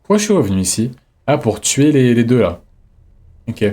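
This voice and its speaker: A man streaming a game live, thinking aloud in a relaxed, reflective way as he chats with his viewers. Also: medium pitch, normal speed, slightly rough. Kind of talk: live gameplay commentary, chatting with viewers.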